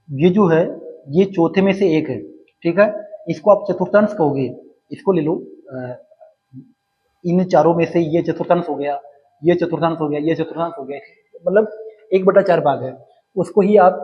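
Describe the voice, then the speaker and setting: A man's voice: a little high, highs cut off. A man giving a lecture to students, asking questions and answering them himself, repeating key terms again and again. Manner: repetitive, addresses students as friends, asks and answers own questions. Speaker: teacher. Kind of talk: classroom lecture.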